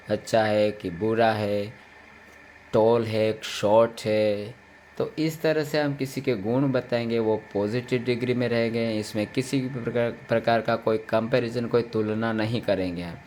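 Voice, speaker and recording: A man's voice: fairly low pitch, a little mellow, slight background noise. A man teaching English grammar, explaining patiently and repeating each point with translations.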